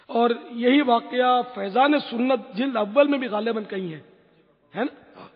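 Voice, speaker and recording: A middle-aged man answers religious questions, telling stories with earnest exclamations. His voice sits high and a little husky. The recording is lo-fi and rings with a long hall echo.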